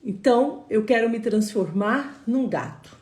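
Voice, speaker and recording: Fable Mouse: A frightened little mouse, forever wishing to be something bigger, as a woman tells the tale. The voice is fairly high and mellow. The sound bounces around an echoey room. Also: animated, measured pace. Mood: fearful. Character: timid mouse always afraid, wishing to change.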